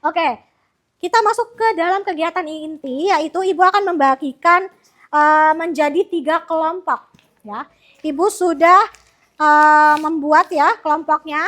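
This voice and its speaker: A woman's voice: sits high, measured pace, a bit bright. A young woman student teacher leading a primary school class in a classroom, upbeat and coaxing as she calls pupils forward. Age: young adult.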